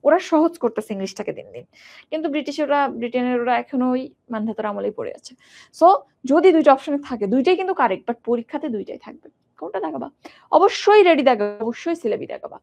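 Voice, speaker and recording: High-voiced young woman teaching grammar. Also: gravelly. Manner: lively, asks questions, repeats words drill-style. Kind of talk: online exam-prep grammar lesson.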